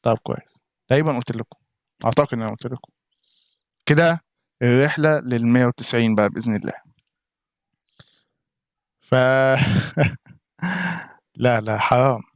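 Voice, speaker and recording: A man's voice: mid-range voice, moderate pace, pauses often, dry recording, studio quality. A man with an Egyptian Arabic accent giving casual reaction commentary on a gaming live stream, chatting straight to viewers in chat by name.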